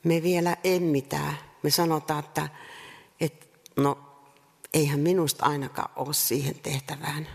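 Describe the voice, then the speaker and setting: A woman preaching a sermon earnestly, repeating rhetorical questions and pausing between phrases. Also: deep voice, level tone, vocal fry, a little mellow, breathy edge. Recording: reverberant hall sound.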